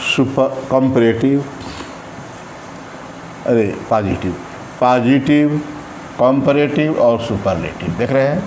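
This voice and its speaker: A man teaching grammar in Hindi, slowly repeating and spelling out each example word. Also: mid-range voice, a little mellow. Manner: slow, repeats and spells out words, stretches examples. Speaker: English teacher. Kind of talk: grammar lesson. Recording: echoey room with faint ambient noise.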